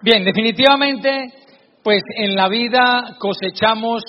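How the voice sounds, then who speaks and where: A man's voice: high-pitched, a little slow, slight background noise. A man giving a preachy motivational talk to a live audience and telling a story, in a large hall with a dull live recording. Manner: preachy, addresses the audience directly. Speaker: motivational speaker.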